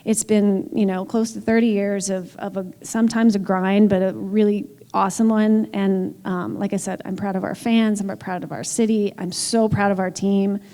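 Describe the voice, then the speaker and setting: A woman with a medium-pitched, dark voice speaks at a moderate pace with little pitch movement and few pauses. She is a team executive on a panel, talking candidly and emphatically and using lots of filler words. The recording carries a long hall reverb.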